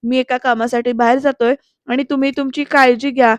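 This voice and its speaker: A man's voice: very high voice, little pitch movement, brisk, clear, resonant tone, dry recording. A woman voicing a cold, curt young man who speaks dismissively and sarcastically.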